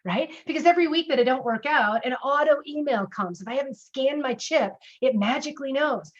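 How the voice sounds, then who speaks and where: A middle-aged woman with a fairly high voice, coaching an audience in a lively, chatty way and slipping into sample phrases as she goes. The sound is dull and lo-fi, like an online broadcast. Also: brisk. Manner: lively, conversational, acts out sample lines. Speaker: speaker and customer service trainer. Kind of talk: casual webinar teaching.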